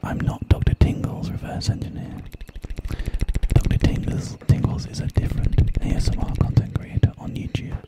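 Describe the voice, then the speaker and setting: A man whispering casually and reassuringly as an ASMR live streamer, chatting unhurriedly with his viewers. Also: moderate pace.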